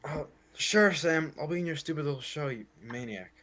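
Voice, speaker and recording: A man's voice: fairly high pitch, expressive, normal speed, a bit bright, slight background noise. A man playing a burnt-out, frustrated schoolteacher who turns sarcastic and explodes in anger. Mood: sardonic. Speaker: teacher.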